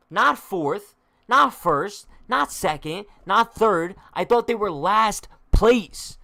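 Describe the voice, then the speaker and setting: A man's voice: high voice, fairly bright tone, no echo, clean studio sound. A young man hosting a live-stream sports chat, trash-talking in a joking way, heavy on slang, and reading viewer comments aloud. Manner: slangy, says "bro" a lot. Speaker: sports show host.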